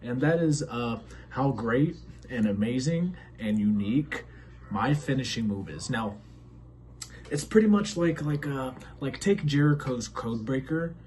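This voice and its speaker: A man's voice: medium pitch, animated, a little slow, darkish tone. A man giving a casual wrestling promo as a wrestler, showy and boastful. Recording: faint background noise.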